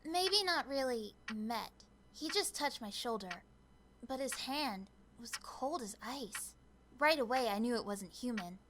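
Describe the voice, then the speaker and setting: In game drama dialogue, an actress plays an observant young female witness, speaking earnestly and a bit hesitantly with an uneasy mood. Her voice sits a little high, animated yet unhurried. A clear ticking sound runs in the background.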